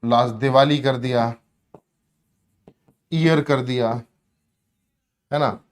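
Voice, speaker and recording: A man's voice: medium pitch, fairly even intonation, slow. A man teaching English grammar for exams. He asks his own questions, answers them step by step, and calls his students friends. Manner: addresses students as friends and brother. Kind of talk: exam-prep grammar lesson.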